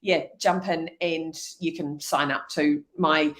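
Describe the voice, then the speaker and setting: Energetic New woman guest. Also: low voice, slow pace. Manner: energetic, animated storytelling. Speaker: interview guest, leadership speaker. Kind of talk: conversational interview.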